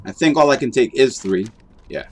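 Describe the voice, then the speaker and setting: A man's voice: medium pitch, animated, moderate pace, slight background noise. A man streaming a video game, chatting casually and rambling with lots of fillers and restarts. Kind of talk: casual chat while gaming.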